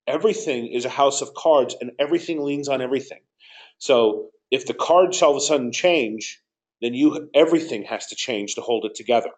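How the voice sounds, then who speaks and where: A man's voice: medium pitch, a little fast. A man, a course director, answering student questions and giving notes in a conversational teaching session, repeating key points for emphasis.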